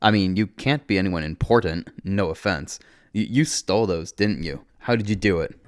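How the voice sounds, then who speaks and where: A man voicing a cheerful, clueless, playful young woman who talks in a bubbly, excitable way. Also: sits low, moderate pace, clear, resonant tone, dry recording, studio quality, natural voice. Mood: excited.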